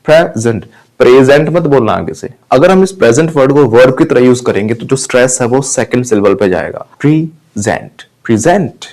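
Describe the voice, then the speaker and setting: A man with an Indian English accent teaching English pronunciation, mixing Hindi and English and repeating words slowly to drill them. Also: medium pitch, darkish tone.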